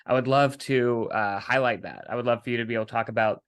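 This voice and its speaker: A man's voice: medium pitch, fairly even intonation, quick pace, clear, resonant tone. A man hosting a casual interview podcast, laughing often and talking in a slightly rambling way with restarts. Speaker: podcast host.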